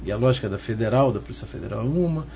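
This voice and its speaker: With an animated, gravelly, warm voice, a middle-aged Carioca professor of security from Rio de Janeiro, Brazil, explains step by step in a measured way as an interviewed expert, often seeking agreement. The recording is dull, muffled and low-fi, with noticeable background noise.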